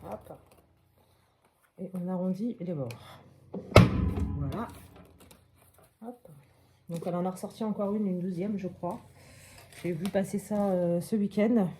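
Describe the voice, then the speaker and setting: A woman's voice: lowish voice, measured pace, long pauses, background noise. A woman hosting a casual step-by-step crafting tutorial at her craft table at home, chatting and thinking aloud with many little hops and voilàs.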